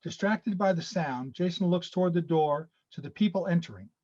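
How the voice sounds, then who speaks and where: A man's voice: sits high, moderate pace, darkish tone. Man reading stage directions, lo-fi. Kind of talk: screenplay reading. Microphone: video call. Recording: lo-fi video call audio.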